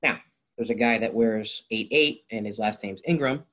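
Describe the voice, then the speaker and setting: A man's voice: on the low side, moderate pace, a bit bright. A man co-hosting a sports podcast, chatting casually about football with wry jokes. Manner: joking, wry.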